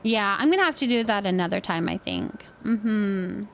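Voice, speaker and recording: A woman with an expressive, medium-pitched voice talks at normal speed, with a little hiss or hum in the background. She's casually chatting on her game livestream, playing a building game while thinking aloud and reacting to viewers.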